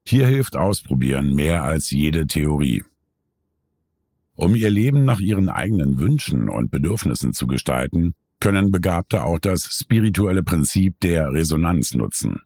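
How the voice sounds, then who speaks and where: Deep husky male narrator. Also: very animated, normal speed, dark tone, no echo. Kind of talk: scripted narration of a nonfiction summary.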